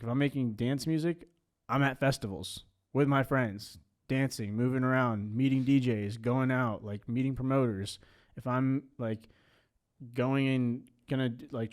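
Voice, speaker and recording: A man's voice: medium pitch, darkish tone. A man in his late twenties in a casual podcast chat. He rambles, full of "like" and restarts. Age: 20s.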